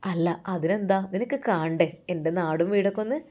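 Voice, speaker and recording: Woman doing a soft-spoken husband, low and soothing. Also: brisk, lightly acted. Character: gentle caring young husband.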